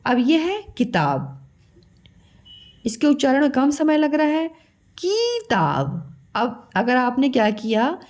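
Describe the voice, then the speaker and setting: High-pitched lady teacher going real slow, drawing out sounds for kids. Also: expressive, darkish tone. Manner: slow, drawn-out syllables for children; calls the listener "beta". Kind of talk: children's Hindi lesson.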